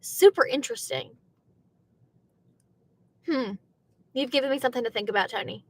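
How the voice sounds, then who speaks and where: Young Southern woman, chatty gig-driver streamer talking to her chat from a car, slightly high voice. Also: normal speed, no room sound. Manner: chatty, reads viewer comments aloud. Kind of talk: casual livestream chat.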